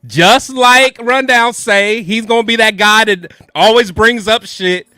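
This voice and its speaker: A man's voice: high voice, unhurried, pushed and bright, clear, resonant tone, no room sound. A man on a sports show panel bantering casually in slangy bro talk, repeating phrases for emphasis.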